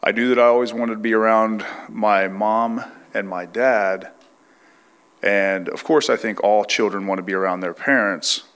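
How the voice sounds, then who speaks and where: This young Californian man speaks at a normal pace with a lowish, fairly even voice that is a bit bright, clear and resonant. Congested and under the weather, he tells his life story in a testimony interview, plain-spoken and reflective, restarting often.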